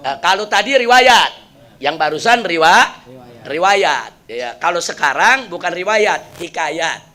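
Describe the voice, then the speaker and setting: Lively storytelling preacher; high, bright voice. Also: male voice. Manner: lively storytelling with jokes and audience questions. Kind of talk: sermon.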